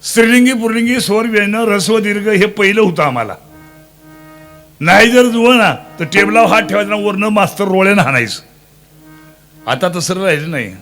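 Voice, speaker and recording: A man's voice: sits high, animated, brisk, fairly bright tone, faint music behind. A man preaching a devotional kirtan, teasing and quizzing his listeners and breaking into sung verses. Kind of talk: Marathi devotional kirtan sermon.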